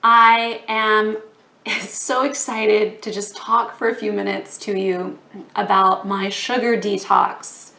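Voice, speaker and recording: A woman from Texas talking casually to camera in a vlog, a little hoarse from losing her voice, chatty with fillers. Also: medium pitch, level tone, takes it slowly, bright, forceful tone. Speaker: yoga vlogger. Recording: echoey room.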